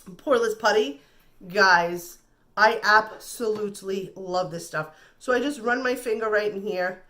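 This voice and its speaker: This beauty vlogger, getting over the flu, speaks with a slightly nasal, fairly bright voice of medium pitch at a measured pace. She chats reassuringly through her makeup tutorial, repeating words along the way.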